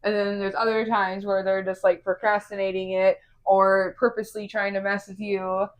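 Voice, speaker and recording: A woman co-hosting a casual podcast chat, a restaurant server who tells stories with lively, loud acted-out outbursts. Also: medium pitch, moderate pace, lo-fi sound. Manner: animated storyteller, acts out quoted outbursts loudly. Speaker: podcast co-host.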